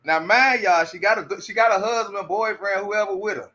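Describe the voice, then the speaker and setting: At a moderate pace, this male commentary streamer delivers casual commentary in a bright, forceful, slightly high voice. Stammered restarts and repeated rhetorical questions run through his talk, and the sound is somewhat muffled and lo-fi.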